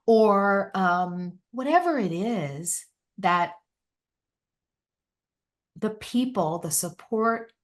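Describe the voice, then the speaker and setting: A woman hosting a podcast conversation with lively enthusiasm, often rising with delight as she affirms her guest. Her voice sits at a middle pitch and unfolds in an open, conversational way. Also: drawn-out words, pauses often. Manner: warm, enthusiastic, animated interviewer. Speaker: podcast host.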